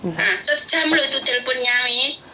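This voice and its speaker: Bright-voiced woman caller on the phone. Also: high-pitched, expressive, moderate pace, slight background noise. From Indonesia. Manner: rambling storyteller, repeats words. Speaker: caller, domestic worker. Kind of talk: phone call, telling her story. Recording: tinny phone line.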